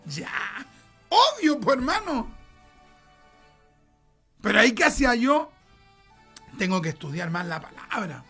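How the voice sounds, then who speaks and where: A man's voice: very high-pitched, sing-song, takes it slowly, gravelly, long pauses, sharp tone, slightly rough, soft background music. A middle-aged man with a Chilean accent preaching a sermon, emphatic, repeating words for stress and acting out conversations. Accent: Chilean Spanish.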